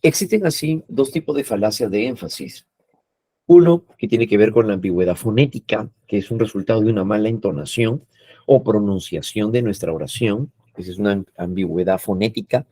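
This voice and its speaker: With a husky, dark, lowish voice and a fairly quick pace, a male teacher gives an explanatory lecture. He explains patiently, sprinkling in frequent "¿no?" and "eh" tags, and the recording has no room sound.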